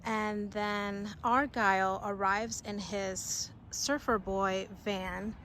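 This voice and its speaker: A woman's voice: medium pitch, steady tone, slow pace, a bit bright, a little hiss or hum. A woman vlogger giving a casual walking tour of film locations outdoors, talking tentatively and thinking aloud as she points things out. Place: outdoors on a residential street.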